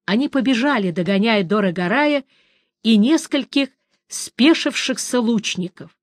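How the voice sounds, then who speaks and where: Measured woman reading a fantasy audiobook. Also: fairly high pitch, animated, dry recording. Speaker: audiobook reader.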